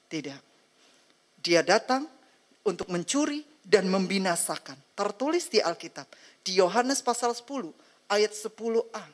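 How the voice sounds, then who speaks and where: A woman pastor preaching a sermon dramatically, acting out dialogues and calling on the congregation to say amen. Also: mid-range voice.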